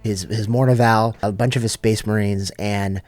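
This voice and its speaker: A man's voice: fairly low pitch, fairly even intonation, moderate pace, darkish tone. A man casually retelling a long story in loose, slangy everyday speech, paraphrasing the characters as he goes. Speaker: lore channel host. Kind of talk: casual abridged lore retelling.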